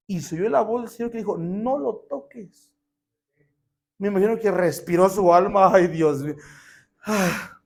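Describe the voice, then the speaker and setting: High-voiced male pastor preaching live. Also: creaky, slightly rough. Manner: swings between shouted exclamations and hushed asides, asks the congregation questions; acts out scripture scenes in quoted dialogue. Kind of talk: live sermon. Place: church service with a congregation.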